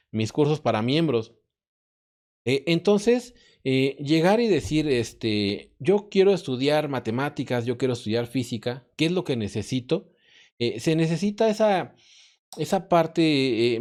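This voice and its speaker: A man's voice: mid-range voice, a little mellow. Hesitant Mexican man reflecting aloud. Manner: reflective, hesitant, restarts often. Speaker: podcast guest, math and physics professor. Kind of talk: casual podcast conversation.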